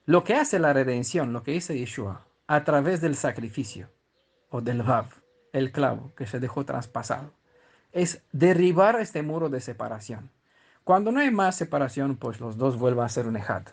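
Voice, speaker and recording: A man's voice: medium pitch, animated, normal speed, vocal fry. A man from teaching scripture in a conversational way, often stopping to check that his listeners follow and restarting his sentences. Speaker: Bible teacher.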